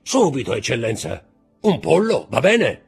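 A man voicing a sly brigand jailer who is mock-deferential and calmly serious, with a husky voice. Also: medium pitch, a little slow, soft background music, voice pushed up, exaggerated voice.

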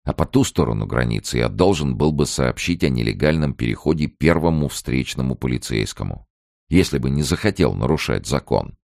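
A man voicing a bitter young refugee medic who speaks in a slow, hissing, deliberate way. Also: a bass voice, animated, vocal fry, a little mellow, no room sound, studio quality, exaggerated voice. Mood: weary.

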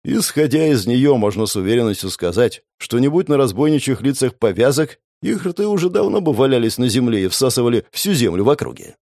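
A man narrating a comic fantasy novel in the first person, with an ironic, lively storytelling manner. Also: medium pitch, brisk, hardly any pauses, no echo, clean studio sound. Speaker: audiobook narrator.

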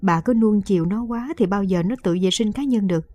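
A woman voicing an impatient, gruff elderly grandfather who scolds and exclaims. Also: mid-range voice, a little fast, warm tone, natural voice. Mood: scolding. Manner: scolding, exasperated.

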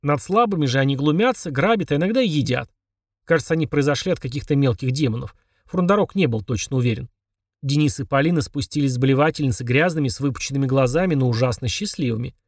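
A man narrating an audiobook with a somewhat high voice. His reading is lively, and he pitches up for the characters. The sound is dry and close, with no room around it. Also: no echo, recorded from a distance. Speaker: audiobook reader. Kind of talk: scripted narration.

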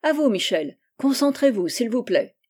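Female reader as a courteous German-accented inspector, suave and formal, mellow voice. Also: on the high side, normal speed, pitched above the performer's own voice. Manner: courteous, flattering. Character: German Gestapo inspector, man, polite, smooth-talking.

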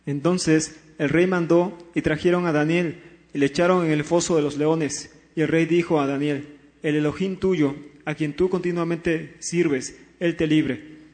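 A man reading a scripture passage aloud at a steady, even pace. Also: on the high side, unhurried. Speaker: scripture reader. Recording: long hall reverb.

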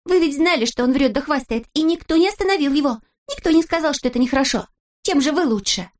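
A woman voicing an indignant little girl who scolds in high exclaiming tones. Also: animated, fast talker.

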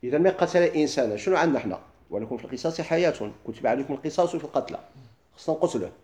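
A middle-aged man with a Moroccan accent, teaching a classroom lesson. He keeps asking his listeners quick questions and then answers them himself. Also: a little high, lively intonation, dark tone, roomy sound. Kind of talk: classroom lesson explaining legal theory.

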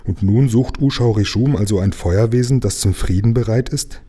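A man reading aloud plays a calm, thoughtful grown man from a storybook, steady and soothing. The voice is low and dark. It carries a husky edge. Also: moderate pace.

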